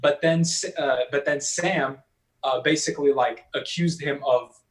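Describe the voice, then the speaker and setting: A man in a casual film discussion, talking in a halting way with many fillers and restarts. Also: a little high, poor audio. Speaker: podcast panelist.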